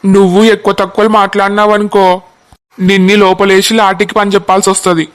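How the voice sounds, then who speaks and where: A man's voice: high-pitched, level tone, brisk, lightly acted. A voice artist voicing a strict, scolding male police officer in a cartoon. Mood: stern. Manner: scolding, commanding.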